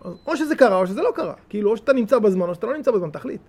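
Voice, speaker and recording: Middle-aged male rabbi, very high voice, animated sermon delivery with pleading peaks. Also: a little hiss or hum. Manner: animated, rising to pleading cries then dropping to soft asides. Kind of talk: weekly Torah talk.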